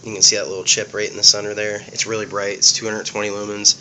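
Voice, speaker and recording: A man casually and plainly walks through his police gear, explaining things simply while sounding sniffly as he gets over a cold. His voice is on the low side, level, bright and forceful, at a quick pace. The recording is low-quality with slight background noise.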